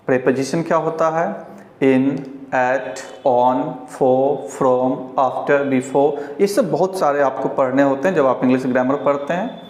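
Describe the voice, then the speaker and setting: A man with a Bihari Hindi accent teaching English pronunciation, explaining slowly and repeating each word for learners. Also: on the high side, a little mellow. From India. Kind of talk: pronunciation lesson. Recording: echoey room.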